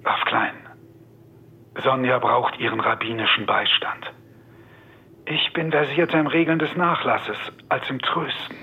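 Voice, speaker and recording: A man plays a frank, businesslike estate adviser in a radio drama, formal and matter-of-fact yet concerned. His mid-range voice is unhurried with a breathy edge, on a muffled, band-limited recording with faint noise.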